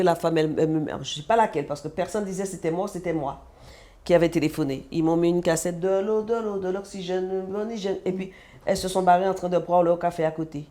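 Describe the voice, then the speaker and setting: A woman from the French Antilles, a mother, telling her personal story as a guest in an animated way and acting out the dialogue. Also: on the low side. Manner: animated, acts out quoted dialogue. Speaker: guest, mother of a sick child.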